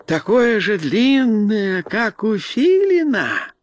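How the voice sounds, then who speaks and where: A man voicing a good-natured, naive talking bear skin who gushes with eager, drawn-out exclamations. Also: sits high, very animated, dry recording, voice pushed up, full character voice. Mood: delighted.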